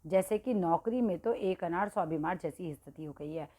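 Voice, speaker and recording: A woman's voice: fairly low pitch, moderate pace, warm tone. A woman teaching idioms to exam students in a casual, conversational way, talking straight to them and correcting herself as she goes. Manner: conversational, addresses students directly, frequent checks and self-corrections. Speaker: Hindi teacher. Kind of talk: casual exam-prep lesson explaining idioms.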